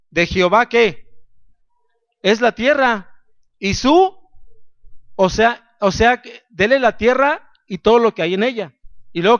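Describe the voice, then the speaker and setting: A man's voice: sits high, a bit bright, smooth, dry recording, muffled recording. A man preaching a sermon as pastor, emphatic and posing questions to the congregation.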